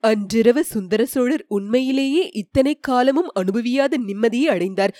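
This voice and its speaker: A woman narrating a historical novel as an audiobook, in a formal, expressive storytelling manner. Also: fairly high pitch, normal speed, no room sound, clean studio sound.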